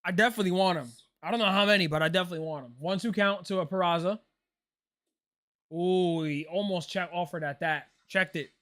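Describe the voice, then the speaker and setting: Talking fairly quickly in a high-pitched voice, this man in his late twenties hosts a casual live stream. He reacts to a ball game, answers chat questions, and keeps things relaxed and chatty, dropping "bro" along the way.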